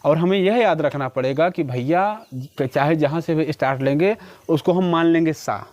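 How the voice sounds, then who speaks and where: A man's voice: a little high, moderate pace, darkish tone, no echo. A man giving a one-on-one harmonium lesson, patiently explaining and checking that the student follows. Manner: sings short phrases to demonstrate notes. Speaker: music teacher.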